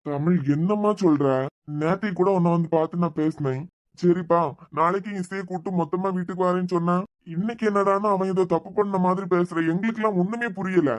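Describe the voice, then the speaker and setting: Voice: mid-range voice, steady tone, a little fast, no echo, lightly acted. A voice actor playing an older father-in-law in a cartoon, patiently asking what is wrong. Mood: puzzled. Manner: patient, questioning.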